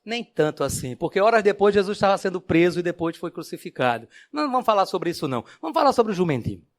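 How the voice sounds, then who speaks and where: A Brazilian man giving a lively religious lecture, his high voice swinging widely as he tells a fable. He keeps asking the audience questions and clears his throat now and then. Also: quick pace. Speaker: Spiritist lecturer.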